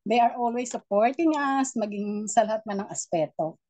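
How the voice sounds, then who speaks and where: A middle-aged woman mentor giving a motivational training talk, with a naturally loud voice and a preachy, encouraging manner. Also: fairly high pitch, normal speed, no room sound. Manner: loud voice, warm and preachy, mixing English in. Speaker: network marketing mentor.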